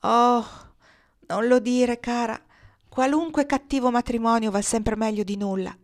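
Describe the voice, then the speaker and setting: Fond young mom in a storybook reading, woman voicing her, gentle and coaxing. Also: on the high side, fairly even intonation, a little slow, voice pushed up, close to an everyday voice. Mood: tender. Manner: tender, persuasive. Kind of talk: audiobook dialogue.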